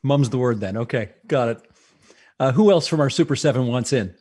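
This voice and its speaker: A man's voice: mid-range voice, a little fast, warm tone. A middle-aged man hosting a public online presentation from a home office over a video call, a friendly moderator who jokes. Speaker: host. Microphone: video call with earphones and desk mic.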